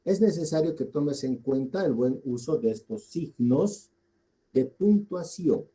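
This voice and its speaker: Male lecturer, Bolivian Spanish accent, very unhurried delivery, dark warm tone; deliberate, repeats for emphasis. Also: on the high side, lively intonation, low-quality recording. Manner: deliberate, repeats key words, asks the class questions. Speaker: teacher. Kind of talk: slow classroom lecture.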